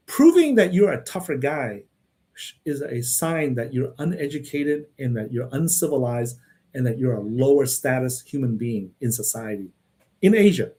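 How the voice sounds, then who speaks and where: A man from a Texas upbringing fields viewer questions in a rambling, casual monologue, sounding very animated at normal speed with a medium-pitched, dark voice. He frequently repeats words and caps sentences with "right?" and "okay?".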